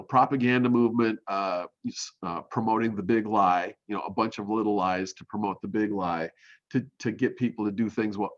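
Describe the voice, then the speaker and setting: A man with a fairly low voice gives a recorded graphic design lesson. He talks in a halting way, full of ums and restarts. The audio is muffled and lo-fi. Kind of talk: recorded lecture demo.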